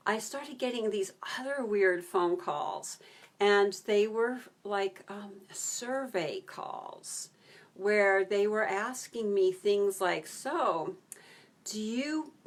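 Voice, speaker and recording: A woman's voice: medium pitch, fairly bright tone. A woman telling a story in a casual live stream, chatty, breaking off to answer viewer comments. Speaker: video creator on a live stream.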